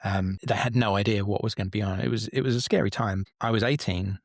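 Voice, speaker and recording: A man's voice: lowish voice, quick pace, vocal fry, no echo, studio quality. A man in his forties from England, telling a long personal story in a candid, rambling way as a podcast guest. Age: 40s. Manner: rambling, candid, swears casually. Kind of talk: casual storytelling.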